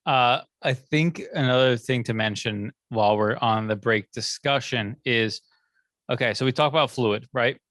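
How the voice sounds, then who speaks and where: A man's voice: mid-range voice, moderate pace, a bit bright, no room sound. A middle-aged man chats casually on a podcast, his voice recorded close and dry with no room around it. He rambles loosely, circling back and restarting his sentences as he goes. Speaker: podcast co-host.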